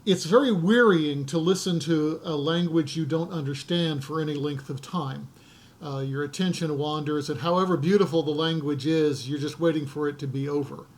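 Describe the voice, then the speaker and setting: A man giving an unhurried, explanatory lesson, then carefully reading a scripture passage aloud. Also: a little high, darkish tone. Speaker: language teacher.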